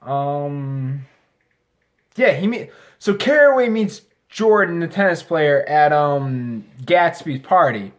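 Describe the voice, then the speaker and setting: Drunk, rambling man with a higher-pitched voice. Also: animated, a little slow. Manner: rambling, loses his thread, restarts sentences; profane, crude slangy talk. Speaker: amateur movie reviewer. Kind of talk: casual rambling film review to camera.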